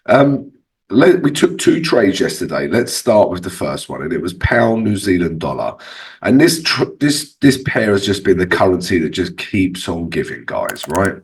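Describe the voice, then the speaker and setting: Low-voiced man with a swollen, sore throat. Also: sing-song, normal speed, recorded from a distance. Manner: conversational, addresses viewers as guys, frequent checking tags like okay and right. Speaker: trading channel host and analyst. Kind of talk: casual trading tutorial commentary over charts.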